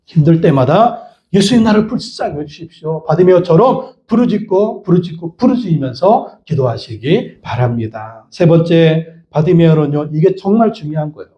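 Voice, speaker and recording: High-voiced man preaching a sermon. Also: lo-fi sound. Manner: preaching with repeated calls and responses, leading the congregation in shouted prayers. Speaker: pastor.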